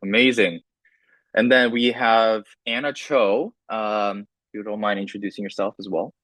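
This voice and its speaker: A young man moderating an online panel over a video call, relaxed and full of fillers and restarts. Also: fairly low pitch, moderate pace, no echo.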